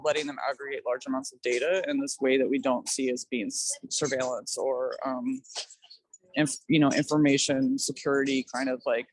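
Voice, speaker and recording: A woman artist with a rumbling low voice talks casually and reflectively about her work. Her speech is loose and thoughtful, full of fillers like "like" and "kind of". The audio is poor, though there's no echo.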